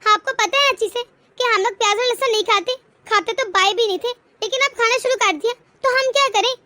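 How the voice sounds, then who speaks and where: A woman's voice: extremely high pitch, fairly quick, sharp tone, no room sound. A woman voicing a grumbling, accusing sister-in-law in a cartoon story. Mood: resentful.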